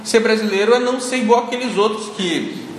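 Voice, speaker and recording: A man lectures to a class in a high, brisk voice, thinking out loud and often ending his sentences with questions to the students. The hall is echoey and the background is noisy.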